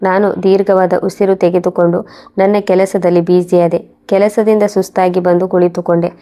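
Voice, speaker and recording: A woman narrating a first-person moral story in a steady, even reading voice. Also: lowish voice, normal speed.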